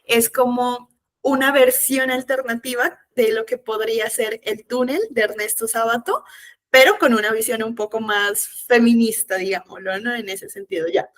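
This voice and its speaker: A woman's voice: a little high, moderate pace, a bit bright. A woman in a book club chat, eagerly jumping in with her own remarks. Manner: eager, interjecting.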